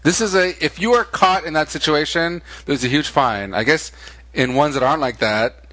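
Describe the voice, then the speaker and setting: A man co-hosting a casual late-night podcast chat, teasing his partner with deadpan jokes. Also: a little high, moderate pace, no room sound. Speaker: podcast co-host.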